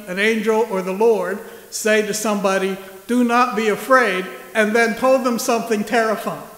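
A man's voice: high-pitched, fairly bright tone. A male pastor preaching a sermon in a church, conversational and joking. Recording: echoey church hall.

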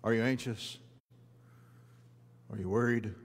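A man's voice: on the low side, steady tone, measured pace, husky. A middle-aged man preaching a sermon from a church stage, earnest and building to emphatic rhetorical questions as he walks about. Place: large church sanctuary. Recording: long reverb of a church hall.

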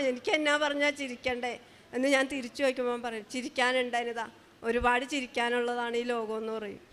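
A middle-aged woman tells her own story as a testimony, her voice pitched high. She speaks haltingly and with feeling, often breaking off and starting again. Long reverb hangs after her words, as in a large church hall. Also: a bit bright, clean tone. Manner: halting, emotional, with many restarts. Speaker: mother giving a testimony. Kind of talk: spoken personal testimony.

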